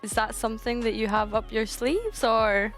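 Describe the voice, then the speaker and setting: A woman's voice: fairly high pitch, normal speed, a bit bright, soft background music. A woman with a Scottish accent, co-hosting a casual post-match interview in a chatty, light-hearted way. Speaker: co-host.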